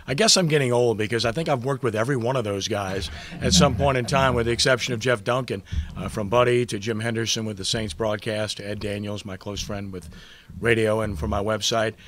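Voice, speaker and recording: A man's voice: lowish voice, steady tone, brisk, background noise. A man in his fifties from New Orleans gives a humble acceptance speech at a press conference, full of stories and thanks. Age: 50s. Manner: humble, storytelling, warm thanks. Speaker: award recipient, sportswriter.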